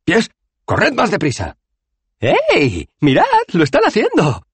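Rincewind, a shrill frantic wizard. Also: male voice, very slow, creaky, dry recording, exaggerated voice. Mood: manic. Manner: shrill, excited shouting. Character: frantic male wizard, giddy and unhinged.

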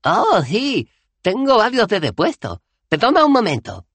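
A man voicing a timid, eager male tourist in an audiobook, talking in an animated, excited way. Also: on the high side, unhurried, breathy edge, dry recording, pitched above the performer's own voice, full character voice. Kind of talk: audiobook character voice.

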